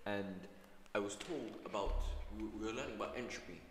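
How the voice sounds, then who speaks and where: A man's voice: lowish voice, a little fast, slight background noise. A teenage boy chatting casually as a student podcast co-host, rambling and playful, with frequent restarts. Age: teens. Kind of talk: casual chat. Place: school room. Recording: echoey room with long reverb.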